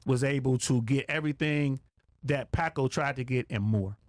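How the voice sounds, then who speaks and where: This middle-aged podcast guest, once an air traffic controller and now retired, talks in a medium-pitched voice at normal speed with no room sound. His casual chat is emphatic and full of slang, with phrases repeated to stress his points.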